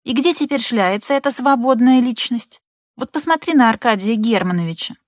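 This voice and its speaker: A woman's voice: on the high side, animated, moderate pace, dry recording, clean studio sound, pitched above the performer's own voice, natural voice. A woman voicing a nagging older mother who pries and scolds her daughter, in an audiobook. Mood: scolding. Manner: insistent, scolding.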